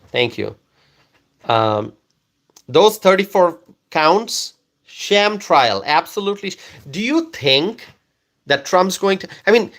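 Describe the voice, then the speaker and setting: On a live stream, a Bengali-speaking man from Bangladesh reads viewer comments aloud, slowly and repetitively, coaxing his audience along. His voice is a little high with a fairly bright tone.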